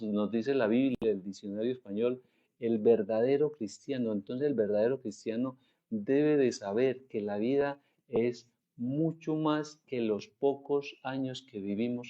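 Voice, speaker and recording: A male pastor from Colombia with a Colombian Spanish accent, preaching a sermon slowly and deliberately, drawing out the scripture he quotes. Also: medium pitch, warm tone, highs cut off.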